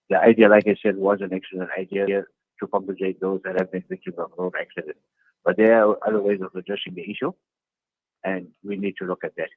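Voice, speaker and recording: A man speaks over a thin, tinny video call, with a low, gravelly voice. He is a political councillor who answers earnestly and hammers his points home by repeating them. The sound is dry and close, with no room around it. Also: no echo. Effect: heard over a video call. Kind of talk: interview answers.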